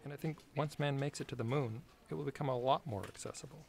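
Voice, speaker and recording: A man's voice: medium pitch, quick pace, creaky, darkish tone, natural voice. A man voicing an earnest, insistent 1960s office-worker puppet in a comedic parody. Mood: defensive.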